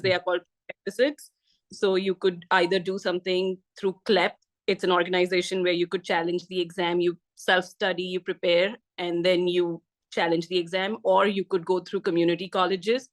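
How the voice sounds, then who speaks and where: A middle-aged woman from India with an Indian English accent, a physical therapist speaking as a podcast guest in a measured, steady way. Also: lowish voice. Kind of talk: podcast interview.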